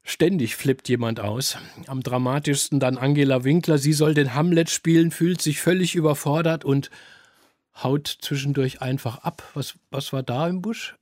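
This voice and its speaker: A man's voice: fairly high pitch, fairly even intonation, moderate pace, a little mellow, no room sound, clean studio sound. A man interviewing a guest with brief prompting questions.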